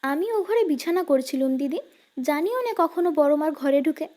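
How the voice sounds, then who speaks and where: A woman's voice: sits high, expressive, moderate pace, warm tone. A woman voicing an anxious housemaid who hurries in with news and excuses herself. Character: anxious housemaid, quick to report.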